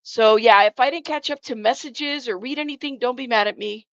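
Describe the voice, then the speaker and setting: This congested streamer speaks a little fast with a fairly high, somewhat bright voice, recorded dry with the highs cut off. She gives casual commentary to her viewers, blunt and sweary, speaking directly to chat.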